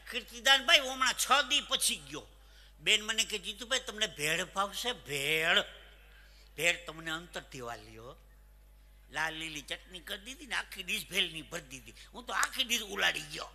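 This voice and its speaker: A man, telling jokes and funny stories to a live crowd. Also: extremely high pitch. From Saurashtra, Gujarat. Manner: animated joke-telling, punchlines. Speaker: folk comedian. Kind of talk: live stand-up storytelling. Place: stage at a live event. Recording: echoey hall reverb.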